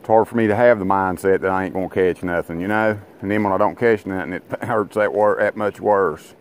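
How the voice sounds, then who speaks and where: Low-pitched and brisk, with fairly even intonation, a fishing vlogger gives loose, folksy commentary from a rocky riverbank, referring to his audience as guys and boys. The body-worn action camera recording carries a little hiss or hum.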